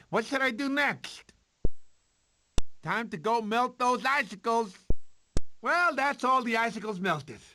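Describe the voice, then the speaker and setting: An actor playing a goofy, jittery but kindly bumbling sloth in an animated game, excitable and theatrical. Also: male voice, sits high, a little hiss or hum, full character voice. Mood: cheerful. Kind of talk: animated film tie-in game character dialogue.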